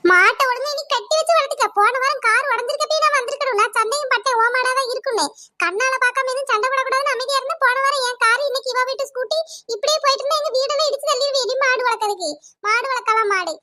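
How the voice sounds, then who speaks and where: A woman's voice: extremely high pitch, rapid-fire, sharp tone, a little hiss or hum, pitched above the performer's own voice. A woman doing a bossy, lecturing village woman. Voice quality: lecturing, demanding.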